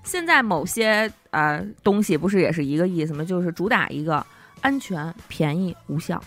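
A woman's voice: lowish voice, animated, normal speed, soft background music. A woman, chatting casually as a co-host. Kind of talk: casual chat.

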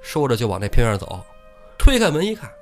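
A man hosting a comic storytelling podcast, retelling an old tale in lively, colloquial speech. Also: medium pitch, a little fast, soft background music. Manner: lively, colloquial, swearing casually.

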